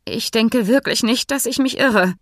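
A woman's voice: a little high, unhurried, no echo, studio quality, pitched above the performer's own voice. A woman reading an audiobook, voicing a timid, pedantic male veterinarian who talks stiffly and formally. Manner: nervous, stiffly formal, jargon-heavy.

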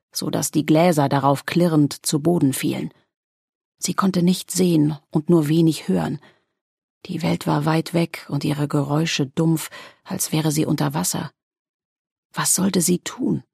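A woman narrating an audiobook in a steady, measured way. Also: deep voice, vocal fry, slightly rough, no echo, studio quality. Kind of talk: scripted narration.

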